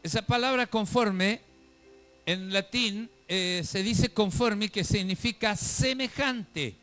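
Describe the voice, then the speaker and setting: High-voiced man preaching with fervor. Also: slow pace, a bit bright, soft background music. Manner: fervent preaching, calls listeners "hermano", rhetorical questions. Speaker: pastor. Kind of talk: sermon. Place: church service, filmed for a web show.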